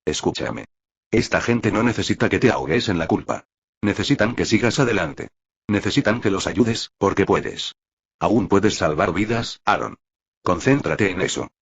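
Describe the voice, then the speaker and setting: A man's voice: sits low, expressive, moderate pace, slightly rough, muffled recording, heavily acted. A man voicing a young woman ally in an audiobook, speaking firmly but with empathy. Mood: firm, caring. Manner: firm yet empathetic.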